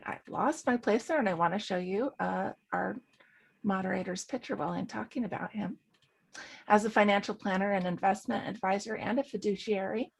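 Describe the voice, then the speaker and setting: A woman's voice: medium pitch, creaky, slightly rough. Woman reading a webinar disclaimer. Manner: reads formal script, occasional slips and restarts. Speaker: webinar director and host. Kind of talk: scripted webinar introduction with disclaimers.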